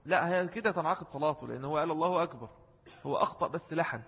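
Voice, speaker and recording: A man's voice: on the high side, racing, fairly bright tone, breathy edge. A man with an Egyptian Arabic accent giving a religious lesson, explaining rules step by step and acting out wrong and right pronunciations. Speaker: religious teacher. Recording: long hall reverb.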